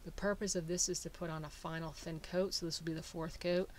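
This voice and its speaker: Casting note: easygoing shop host, mid pitch, casual explainer, light hiss behind. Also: a little fast. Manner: relaxed, explanatory, frequent "um" fillers. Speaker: woodworking channel host. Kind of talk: casual how-to voice-over. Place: small woodworking shop.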